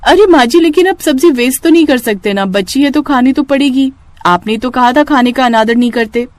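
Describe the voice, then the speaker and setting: Cartoon story, a woman doing a cheeky young daughter-in-law, high bright voice, talking back. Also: fairly quick, dry recording, natural voice.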